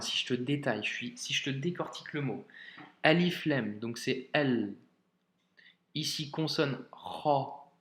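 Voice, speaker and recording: A man's voice: medium pitch, a bit bright, echoey room. A man teaching Arabic reading in a recorded video lesson, patient and informal, often checking that the learner follows. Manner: slow, patient, informal, addresses viewer as tu, checks understanding with ok.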